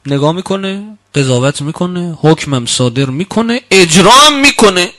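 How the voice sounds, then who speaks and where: Male preacher, bright, fairly high voice, emphatic sermon delivery, slow quoted sayings. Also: expressive. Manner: emphatic, rising to loud rebukes; quotes Arabic sayings slowly, then explains them.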